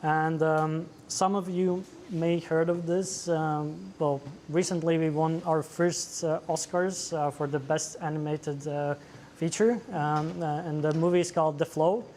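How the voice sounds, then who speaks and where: A man from Latvia with a Latvian accent, presenting at a tech meetup, pausing often with many "uh"s. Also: a little high, fairly even intonation, a little mellow, slight background noise. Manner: hesitant, many fillers. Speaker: conference speaker. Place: meetup venue.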